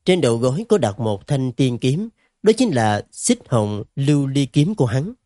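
A man narrating a fantasy story in an expressive, dramatic reading. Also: medium pitch, normal speed, dry recording, clean studio sound. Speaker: audiobook narrator.

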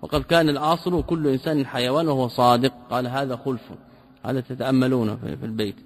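A man's voice: medium pitch, fairly even intonation. Man teaching a text in a reverberant hall. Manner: reads a passage, then explains it with rhetorical questions; repeats key terms slowly for emphasis. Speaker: teacher explaining a classical logic text. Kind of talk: line-by-line commentary lesson.

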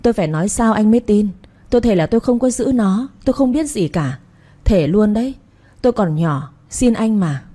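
A woman's voice: lively intonation, mellow, natural voice. A woman voicing a frightened young woman who pleads tearfully with her captors, in a read-aloud story. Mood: tearful begging. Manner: tearful, begging, quick and high.

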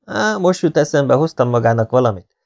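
A male audiobook reader voicing a brisk, practical male conspirator who gives earnest instructions. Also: mid-range voice, animated, vocal fry, a little mellow, voice pushed up. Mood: instructive.

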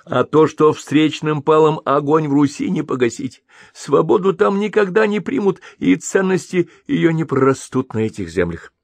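A man voicing a solemn male khagan who declaims in a measured way. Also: on the high side, animated, gravelly, dry recording, pitched above the performer's own voice. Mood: grave. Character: solemn male Khazar khagan, cautious and grave.

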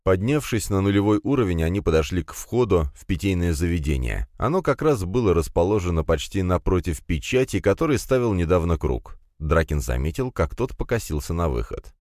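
A man narrating a fantasy audiobook in an expressive, dramatic manner. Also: low voice, brisk, hardly any pauses, no echo, clean studio sound.

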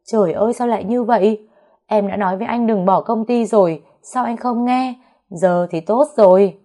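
A woman's voice: normal speed, warm tone, natural voice. A woman voicing a young wife who wails and blames her husband. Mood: wailing. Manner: shrill, wailing. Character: young wife wailing, reproachful.

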